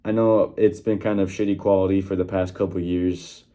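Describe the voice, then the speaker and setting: A young man with a lowish, warm, mellow voice talks casually into his phone in a small workroom. He wanders through his points with frequent fillers and restarts, and the sound has the plain quality of a phone recording. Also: flat delivery, moderate pace. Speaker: channel host giving sports predictions. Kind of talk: casual one-take vlog talk.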